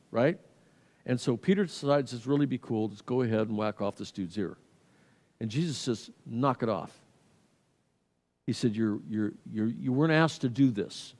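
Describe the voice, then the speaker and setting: A man preaching a sermon, retelling a story with animated swings from loud to hushed. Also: mid-range voice. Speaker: pastor. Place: church sanctuary. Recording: long reverb of a hall.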